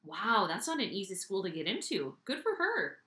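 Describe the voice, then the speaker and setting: A woman's voice: mid-range voice, huge pitch swings, normal speed, pushed and bright. A woman voicing a kindly, encouraging male school principal in a storybook reading, recorded in an echoey room. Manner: encouraging, upbeat.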